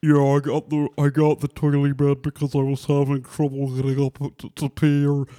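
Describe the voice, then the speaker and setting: A man's voice: mid-range voice, monotone, warm tone, dry recording, clean studio sound, close to an everyday voice. A man voicing a tearful male customer who halts and rambles through a testimonial. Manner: choked-up, halting, rambling confession.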